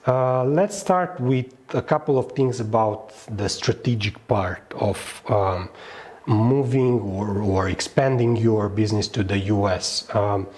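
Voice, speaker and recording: A man with a Romanian accent hosting a live outdoor panel event, speaking haltingly with frequent fillers and restarts. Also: lowish voice, a little mellow. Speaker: event host. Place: outdoors at a fortress on a hot day.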